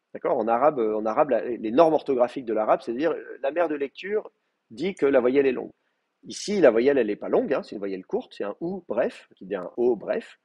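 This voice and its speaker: A man's voice: medium pitch, a little mellow, breathy edge, highs cut off. A male teacher giving a live class, explaining step by step with many fillers and checking that students follow.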